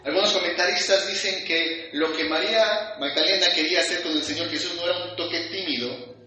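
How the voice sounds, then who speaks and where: A man preaching a sermon in a high, bright voice that rings with heavy echo. He builds fervent runs of repeated phrases and slips into quoted dialogue, while soft music sits faintly behind him. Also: a little fast, lo-fi sound. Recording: very echoey room with faint music.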